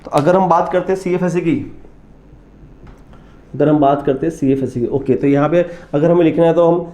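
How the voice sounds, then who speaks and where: A man with an Indian English accent teaches a chemistry class in a roomy, echoing space. His voice sits a little high for a man, with a mellow, soft tone. He mixes Hindi with English and keeps asking the class "clear?" and "what?". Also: fairly quick. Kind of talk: classroom lecture. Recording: echoey room.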